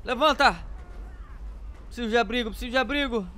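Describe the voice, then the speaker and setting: A man with a Brazilian accent giving excitable gameplay commentary, often shouting and using slang. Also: extremely high pitch, brisk. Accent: Brazilian Portuguese. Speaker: gameplay youtuber.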